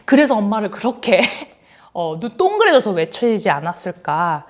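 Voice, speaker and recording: A young woman giving a children's sermon in an animated storytelling way, acting out what people said and laughing as she tells it. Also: medium pitch, moderate pace. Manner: animated, acts out quotes, laughs while telling. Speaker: children's ministry preacher.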